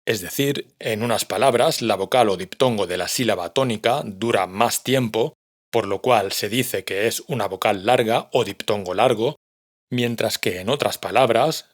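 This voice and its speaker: A man, patiently explaining a language lesson to learners. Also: fairly low pitch. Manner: patient, clear explanation, addresses learners directly. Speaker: language teacher.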